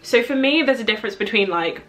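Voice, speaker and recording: A woman's voice: a little high, animated, fast, fairly bright tone. Young woman, London accent, casual vlogger, rambling, thinking aloud, chatty Q&A style. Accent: London English. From London, England. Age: young adult. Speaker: vlogger answering viewer questions.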